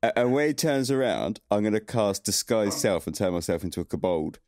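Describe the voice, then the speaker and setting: A man's voice: fairly low pitch, a little fast, darkish tone, dry recording, clean studio sound. A man playing a tabletop role-playing game, playful, slipping in and out of his character's voice. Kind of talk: casual tabletop role-play.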